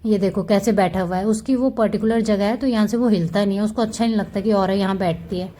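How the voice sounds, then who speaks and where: A woman's voice: medium pitch, fast talker, dark tone, slight background noise. A woman giving a casual, chatty voice-over about her pet cats, fond and explaining as she goes. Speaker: cat vlogger.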